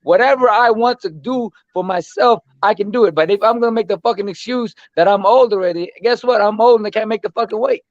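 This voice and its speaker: A man's voice: high-pitched, quick pace, hardly any pauses, dry recording. A man of forty, a boxer, arguing in a heated, profane, insistent way on a casual panel, with muffled, dry sound. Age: 40s.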